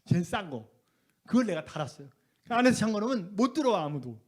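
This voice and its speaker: Impassioned high-voiced male preacher. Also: sing-song, fast talker, breathy edge. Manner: impassioned storytelling, swinging between shouts and hushed tones. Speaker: revival preacher. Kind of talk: sermon. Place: church sanctuary.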